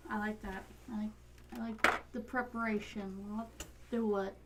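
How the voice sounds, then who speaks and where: A woman's voice: medium pitch, flat delivery, moderate pace, heavy background noise. A woman playing in a tabletop game, talking in a dry, sarcastic way. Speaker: player. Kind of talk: casual game chat.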